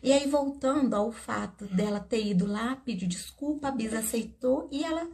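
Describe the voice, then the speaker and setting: A middle-aged Brazilian woman talks straight to her viewers in an earnest, storytelling way. Her voice sits a little high and carries a gravelly edge. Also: moderate pace, darkish tone. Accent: Brazilian Portuguese. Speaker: therapist. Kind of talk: casual advice talk to camera.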